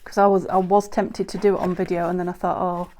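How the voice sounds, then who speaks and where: This British craft channel host speaks fast in a lowish, level, slightly croaky voice with a little mellowness, rambling casually through a crafting tutorial at an indoor table. She's chatty, self-correcting and full of ums. An overhead camera captures her hands only, over slight background noise.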